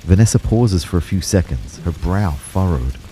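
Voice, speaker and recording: Slight background noise sits under a low-pitched young male voice at a moderate pace. Playing an anxious narrator in an audio drama, he tells of his own out-of-body ordeal in the first person with acted dialogue. The mood is tense yet reflective, his expressive delivery shifting from hushed tones to urgent pleas.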